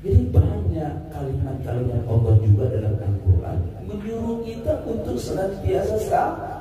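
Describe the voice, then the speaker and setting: Animated preacher in an echoing hall. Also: male voice, sits high, normal speed, a crowd in the background. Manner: animated, chuckling often, addresses listeners as sir. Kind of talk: sermon. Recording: echoey hall, voice from far off, audience audible.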